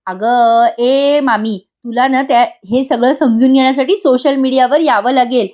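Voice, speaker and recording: A woman's voice: sits high, fairly even intonation, unhurried, darkish tone. A woman voicing a cheeky young girl who answers back bossily and impatiently.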